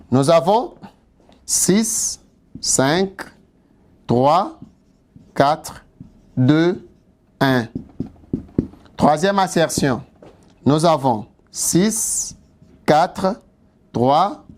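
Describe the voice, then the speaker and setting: A man gives an exam-preparation lesson in an unhurried, measured way. His voice sits high for a man. He repeats each key word and turns to the class with quick rhetorical questions. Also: expressive, darkish tone. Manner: slow and deliberate, repeats key words, spells out terms. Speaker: teacher. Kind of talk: exam-prep lesson, dictating and explaining.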